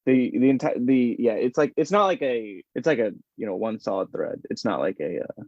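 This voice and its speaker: A man talking loosely on a podcast, animated and rambling, laughing often as he goes. The sound is dry and a little muffled, like a low-fi home recording. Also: brisk, no echo. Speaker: podcast guest. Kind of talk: casual chat.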